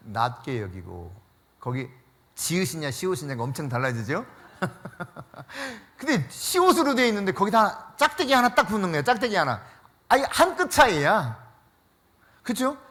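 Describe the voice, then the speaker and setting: A man preaching a sermon as pastor, telling stories in an animated way with frequent laughter and dropping to a hushed voice for emphasis. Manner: drops to a hushed low voice for emphasis.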